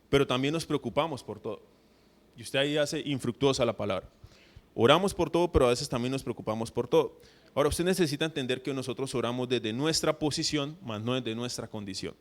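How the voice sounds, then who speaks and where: Preaching at a fairly quick clip in a medium-pitched voice, this pastor talks to his listeners conversationally and keeps checking in with them. He acts out mock prayers in a put-on voice.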